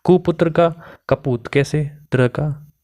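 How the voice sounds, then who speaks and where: A man's voice: fairly high pitch, slow pace, warm tone. A young man giving an exam-prep grammar lesson, asking questions and then answering them himself. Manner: asks and answers his own questions. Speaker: Hindi grammar teacher.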